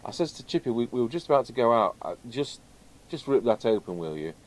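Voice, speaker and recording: Speaking fast with big swings in pitch, this medium-pitched man presents radio equipment off the cuff. He's a video host and radio tech whose unscripted talk is loose and rambling, with noticeable background noise behind him.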